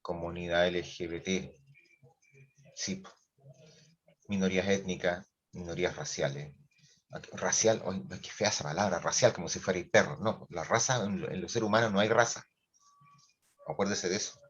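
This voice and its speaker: A man with a Chilean accent teaching an online class, talking in an animated, joking, colloquial way over a video call. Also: low-pitched, moderate pace, long pauses, muffled recording.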